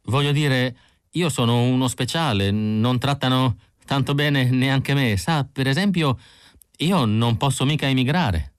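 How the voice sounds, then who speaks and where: A man voicing a timid, excitable male outcast who stammers and chatters eagerly in a raised voice. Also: mid-range voice, a little slow, clean tone, dry recording, clean studio sound, pitched above the performer's own voice, close to an everyday voice.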